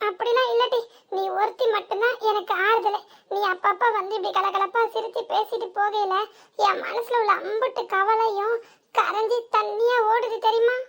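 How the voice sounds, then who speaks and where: Cartoon: a woman as a put-upon, whining village wife with a southern Tamil Nadu accent and a very high, squeaky voice. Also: fairly even intonation, moderate pace. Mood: self-pitying. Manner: whiny, complaining, self-pitying. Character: weepy put-upon village sister-in-law. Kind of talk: village cartoon comedy dialogue.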